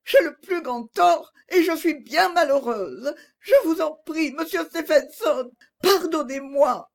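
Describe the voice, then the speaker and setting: A woman reading an audiobook voices a young woman who is gentle but firm and pleads earnestly. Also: on the high side, very animated, unhurried. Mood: tearful.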